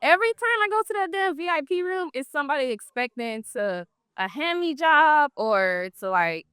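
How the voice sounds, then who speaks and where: A woman, an exotic dancer being interviewed, telling blunt, profane stories in a casual, animated way. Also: high voice, moderate pace, no room sound, clean studio sound.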